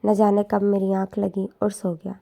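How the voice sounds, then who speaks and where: A woman telling an emotional story in a soft, subdued and earnest way, narrating in the first person. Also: medium pitch, monotone, vocal fry.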